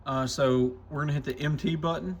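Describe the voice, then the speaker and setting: A radio shop reviewer and video host runs a casual hands-on product demo, thinking aloud informally while he tinkers. His voice is a little high and steady in tone, moving a little fast.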